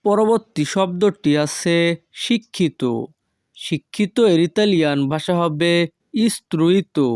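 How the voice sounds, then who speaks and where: A man with a fairly high voice teaches vocabulary in a very slow, measured drill. He stretches each foreign word out with care and repeats it. His voice sounds dry and close, with no room around it. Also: darkish tone, dry recording. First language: Bengali. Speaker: language teacher.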